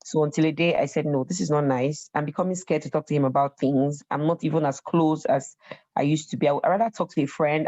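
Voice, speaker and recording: A young Nigerian woman telling a personal story in an animated way, slipping into pidgin phrases. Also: deep voice, no room sound, muffled recording. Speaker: host.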